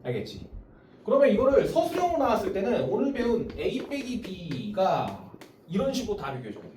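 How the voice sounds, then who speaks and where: A math tutor working through problems with a small group, calling on students by name and explaining each step. The pitch rises and falls a lot. The voice sounds echoey and set back from the mic, with faint noise behind it. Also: huge pitch swings, moderate pace, a little mellow. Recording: roomy sound from a distance.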